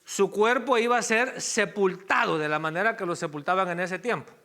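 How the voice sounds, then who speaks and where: A man's voice: high voice, moderate pace, pushed and bright. A male pastor preaching a Sunday sermon in a conversational way, with asides and self-corrections.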